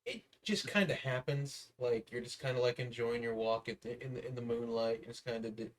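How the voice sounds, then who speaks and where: A man's voice: medium pitch, fairly even intonation, brisk, far from the mic, slight background noise. A man playing a tabletop game, rambling in amused musing during casual chat. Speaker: player.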